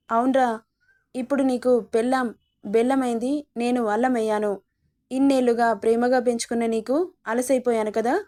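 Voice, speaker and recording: A scolding middle-aged mother-in-law, voiced by a woman reader, nags and needles with sarcasm. Her voice sits fairly high and mellow, in a storybook reading. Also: lightly acted. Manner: sarcastic, nagging.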